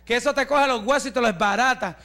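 Pastor in his forties: very high, bright, gravelly voice; fervent preaching with shouts and jokes. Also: quick pace. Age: 40s. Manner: fervent preaching, rising to shouts, with joking asides. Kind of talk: testimony sermon.

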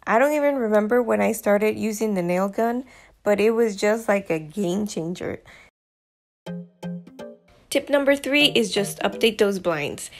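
A woman in her forties narrating her home renovation vlog in a chatty, encouraging way, recorded on a lapel mic at home. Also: mid-range voice. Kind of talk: friendly voice-over narration. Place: home living room, indoors.

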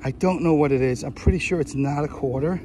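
A man narrating his metal detecting finds outdoors in a casual way, often exclaiming with excitement. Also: a little high, fairly quick. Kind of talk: casual narration while digging. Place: outdoors in a large field.

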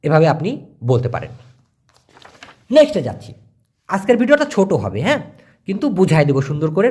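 A man from Bangladesh teaching vocabulary in a casual lesson, chatty and folksy, with everyday examples, rhetorical questions and phrases repeated slowly. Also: high-pitched, a little mellow. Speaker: language teacher. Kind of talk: casual lesson explaining words.

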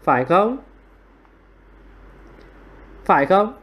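A man teaching online English over a livestream quiz, prodding students for their answers and laughing off his own mistakes with quick apologies. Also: high-pitched, big pitch swings, muffled recording.

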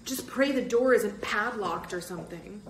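A woman's voice: mid-range voice, normal speed, reverberant, recorded from a distance, a little hiss or hum, natural voice. A woman reading aloud, voicing a cautious young boy who leads his friends. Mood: wary. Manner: cautious, hushed. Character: wary young boy leading the group.

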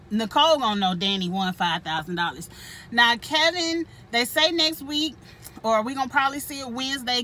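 A woman's voice: fairly high pitch, pushed and bright, slight background noise. A woman hosting her own channel, giving a casual, blunt and profane commentary straight to her viewers, laughing often. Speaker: channel host reviewing a reality show.

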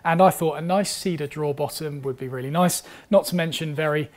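A man's voice: a little high, fairly quick. A young man, teaching woodworking in a workshop, chatty and upbeat as he explains each step. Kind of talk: instructional talk.

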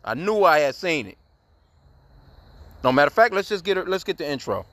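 A man's voice: fairly high pitch, sing-song, brisk, a bit bright, no echo. A man giving heated, profane, rambling commentary, tagging his sentences with "man", in casual talk to his viewers. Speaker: commentary channel host.

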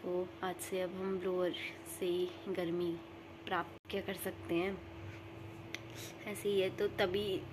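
A woman vlogger with a cold, talking softly and tiredly to the camera at home. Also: level tone, slow pace, noisy background. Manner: soft, tired and low-key. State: sick with a cold. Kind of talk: casual vlog talk to camera. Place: at home indoors.

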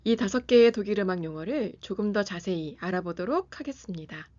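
A woman hosting a music lesson, reading a scripted lesson and pronouncing German terms slowly and carefully. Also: mid-range voice, animated, muffled recording, noisy background. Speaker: piano teacher and channel host.

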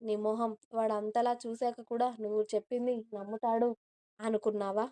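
A woman puts on a middle-aged mother-in-law who scolds and teases with fondness. The voice is mellow and smooth, somewhat high. It is captured dry and close. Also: little pitch movement, moderate pace, no echo, lightly acted. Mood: scolding. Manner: teasing, scolding.

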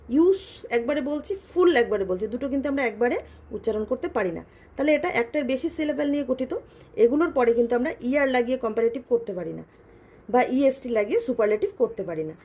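A woman teaching English grammar in a patient lesson, asking her students questions and reading example sentences slowly. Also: high voice, warm tone, breathy edge.

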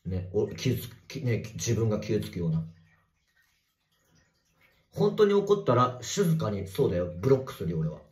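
Man, livestreamer, casual chat, rough teasing manner, lively swinging pitch, echoey bathroom. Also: normal speed, long pauses. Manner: rough, teasing, swears mockingly at commenters. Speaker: livestreamer reading viewer comments.

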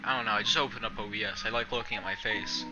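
A young adult man, a streamer and video editor, chats casually on a livestream from his small bedroom. His fairly low voice keeps a fairly even intonation at a quick pace as he rambles in a self-deprecating, sarcastic way, swearing plenty, with music playing in the background.

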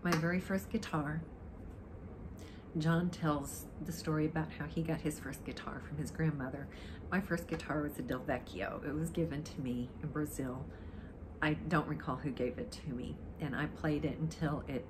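An older woman with a low voice and a dry throat talks casually and reminiscently, wandering from one thought to the next. She is recorded in a living room at home, with clear noise in the background. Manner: rambling, reminiscing. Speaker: amateur guitarist introducing a song. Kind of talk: casual chat to camera. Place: living room, indoors, on a sofa.

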